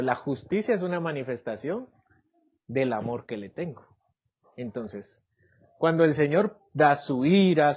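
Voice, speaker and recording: A man's voice: fairly high pitch, darkish tone, dull audio. A man teaching a doctrine class at church, asking his listeners questions and acting out everyday examples. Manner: asks the class questions, acts out examples in quoted voices. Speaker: Bible teacher.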